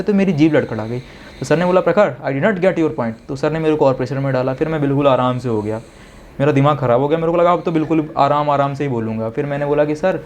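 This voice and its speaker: A young man, a successful defence exam candidate, is interviewed and casually recounts his own experience in an animated way, mixing Hindi with English phrases and repeatedly calling the listener "sir." His voice is medium-pitched, and the recording carries a slight hiss or hum.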